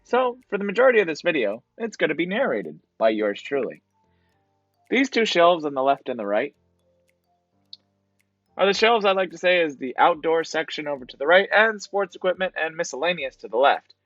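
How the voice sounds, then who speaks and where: A man's voice: a little high, very animated, normal speed, a bit bright, no echo, lo-fi sound, soft background music. A man narrating his thrift store trip as a voice-over for his reselling vlog, in a casual, explanatory way. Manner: casual, explanatory, repeats "to be honest".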